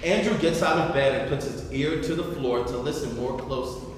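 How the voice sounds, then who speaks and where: Here the host speaks a little fast in a medium pitch, greeting the theater crowd with theatrical enthusiasm and then moving into narration. He's captured from a distance in a big, echoey indoor venue, with a bit of faint noise.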